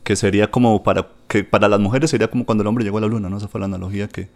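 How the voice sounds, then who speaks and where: On a podcast, a man chats casually about books, his talk packed with fillers and tag questions. His voice is lowish and steady, and he speaks rapid-fire.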